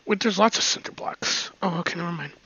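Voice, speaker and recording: A bright, breathy voice rambles through a casual let's-play, slipping into muttered whispers and little giggles between remarks. The recording sounds a bit dull and lo-fi, and the delivery is slow and unhurried. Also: mid-range voice, no room sound. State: hiccups. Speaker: gameplay commentator.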